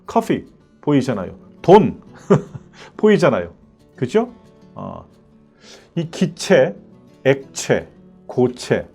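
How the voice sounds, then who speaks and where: A man lectures as an English teacher, his voice rising and falling in an animated way and pitched a little higher than most men. He checks in with the class through rhetorical questions and sounds out each English example slowly so students can repeat it. A faint guitar track plays underneath.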